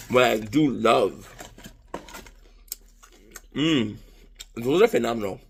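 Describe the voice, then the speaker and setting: There's a little hiss or hum behind this fairly bright, medium-pitched male voice. The speaker, a Canadian vlogger in his thirties with a French Canadian accent, rambles casually through a food-tasting video, cursing and poking fun at himself.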